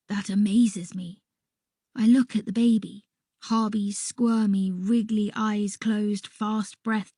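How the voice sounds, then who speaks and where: A woman reading a first-person children's story aloud in a soft, unhurried voice that sometimes drops to a whisper. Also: mid-range voice, no echo, studio quality. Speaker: audiobook reader.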